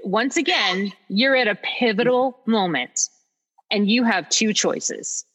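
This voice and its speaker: A woman interviewer who sums up her guest's story in a measured, reflective way. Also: medium pitch, a bit bright, slightly rough, rough recording. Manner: measured, summarizing.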